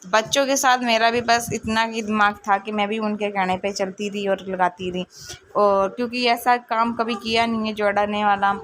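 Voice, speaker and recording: A woman in her thirties talks over her own family footage with relaxed, amused chattiness. Her voice sits at an ordinary middle pitch. She tells the story as a mother running a casual daily vlog. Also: moderate pace. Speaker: family vlogger.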